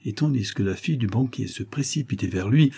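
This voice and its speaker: Low, husky male audiobook narrator. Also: lively intonation, fairly quick, mellow. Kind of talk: literary audiobook reading.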